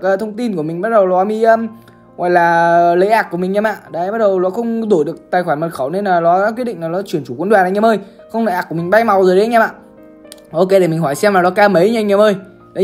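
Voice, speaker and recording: A woman's voice: medium pitch, a little mellow. A woman from Vietnam, giving chatty gaming commentary and constantly calling out to her viewers. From Bắc Giang, Vietnam. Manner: chatty, keeps calling out to the audience. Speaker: gaming streamer.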